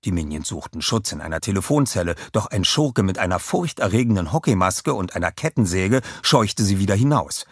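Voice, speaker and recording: Husky male audiobook narrator. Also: low-pitched, lively intonation, a little fast, hardly any pauses, no room sound, studio quality.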